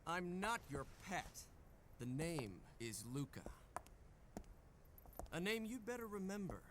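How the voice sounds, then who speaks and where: Luka, cocky, high-pitched young journalist. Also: male voice, very animated, slow, exaggerated voice. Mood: defiant. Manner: suave, dramatic, smug. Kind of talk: theatrical video game voice acting. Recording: game audio with clear background noise.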